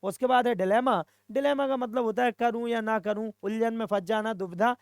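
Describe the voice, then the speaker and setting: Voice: medium pitch, fairly quick, no echo. Teacher quizzing students, dry sound. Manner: mixes Hindi and English, asks and answers own questions; repeats "okay" to check in with students. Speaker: English vocabulary teacher. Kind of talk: recorded exam-prep lesson.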